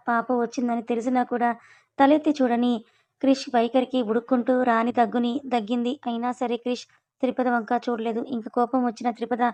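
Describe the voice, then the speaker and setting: A woman's voice: a little high, dark tone. A woman narrating a story and voicing its characters, with chatty, affectionate asides to the listener.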